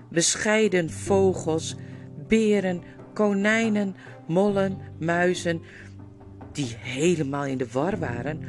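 Expressive woman reading a storybook. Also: fairly low pitch. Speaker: narrator. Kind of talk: reading a children's book aloud. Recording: faint music under voice.

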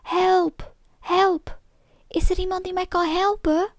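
A woman voicing a small wooden puppet boy in a storybook reading, with a high childlike voice. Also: fast talker, a little mellow, dry recording, clean studio sound, natural voice. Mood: frightened.

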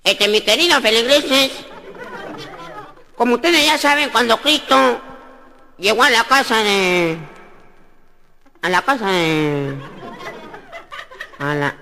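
A man's voice: very high-pitched, animated, takes it slowly, creaky, long pauses, sharp tone, long reverb tail, a faint crowd, voice pushed up, exaggerated voice. A man playing a nervous, stuttering sacristan in a stand-up joke. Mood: fumbling sermon. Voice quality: stutters, stumbles over words.

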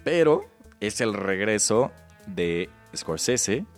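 A man's voice: on the low side, big pitch swings, takes it slowly, faint music behind. A man with a Mexican accent co-hosting a podcast, chatting casually about films in a slangy, explanatory way. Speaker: podcast co-host.

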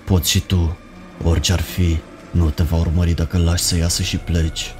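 A man's voice: low voice, flat delivery, darkish tone, a little hiss or hum, natural voice. A man voicing a male inmate who demands answers urgently. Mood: pleading. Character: insistent young male inmate.

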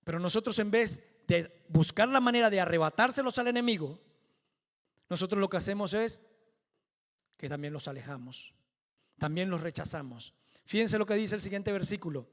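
A male pastor preaching a sermon with fervour, building to near-shouted climaxes. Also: high-pitched, animated, normal speed, pauses often. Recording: long hall reverb.

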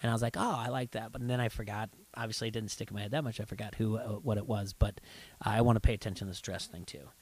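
A middle-aged man co-hosting a casual reality TV recap podcast, rambling and restarting his sentences, getting animated as he recounts scenes. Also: fairly low pitch, fast talker. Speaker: podcast co-host. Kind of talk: casual chat.

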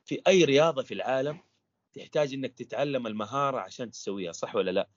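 A man's voice: medium pitch, very fast, dry recording, dull audio. A man, a stuttering coach guesting on an interview podcast, explaining in a teacherly way with repeated rhetorical questions.

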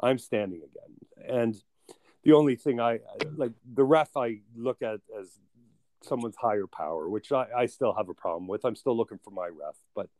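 A podcast host, a man, telling a personal story in a halting, emotional way, full of restarts. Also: medium pitch, a little mellow, dry recording.

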